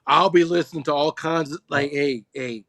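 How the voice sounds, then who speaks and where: A middle-aged man on a sports podcast roundtable, telling animated, profane stories in casual banter. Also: on the high side, moderate pace, no room sound. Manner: animated storyteller, swears freely. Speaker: roundtable panelist.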